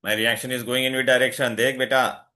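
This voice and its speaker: A man's voice: medium pitch, flat delivery, racing, sharp tone. A man with an Indian accent teaching an online lesson, insistently asking questions and switching between English and Hindi. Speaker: chemistry teacher.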